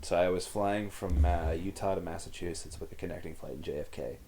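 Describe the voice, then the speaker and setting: Man with a light Boston accent, deep register; laid-back co-host, rambling anecdotes, quick to laugh. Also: dark tone. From Boston area. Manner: joking, laughs often, rambling stories. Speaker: podcast co-host. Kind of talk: casual chat. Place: recorded face to face in Texas.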